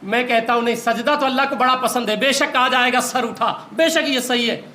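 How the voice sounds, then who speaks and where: A man's voice: very high voice, pushed and bright, a little hiss or hum. A man preaching a sermon in an impassioned, rising voice, recorded in a large echoey hall.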